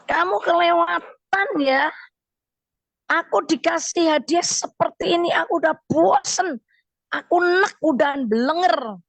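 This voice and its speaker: A woman's voice: fairly high pitch, steady tone, moderate pace, gravelly, a bit bright, no echo. A woman voicing a fed-up scolding wife. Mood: indignant. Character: exasperated wife scolding her husband.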